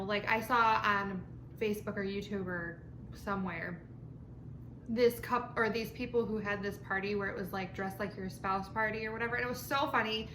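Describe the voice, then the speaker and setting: Casual female vlogger, mid-pitched, informal rambling delivery with mild swearing; roomy echo, noticeable background noise. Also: fairly bright tone. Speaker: vlog host. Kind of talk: casual rambling chat to camera while eating lunch. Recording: echoey room with clear background noise.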